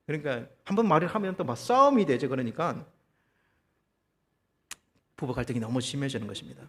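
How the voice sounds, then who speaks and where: A man preaching a sermon as pastor, telling a story with lively, acted-out quotes and rhetorical questions to the congregation. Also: medium pitch, a little fast, big-room sound. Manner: animated storytelling, acting out quoted voices. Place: church.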